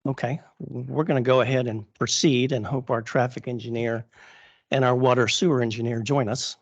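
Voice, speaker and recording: A man presenting formally at a public meeting as an applicant's attorney, halting with many fillers and restarts, and losing his voice. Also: medium pitch, fairly even intonation, dry recording, lo-fi sound. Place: council chamber.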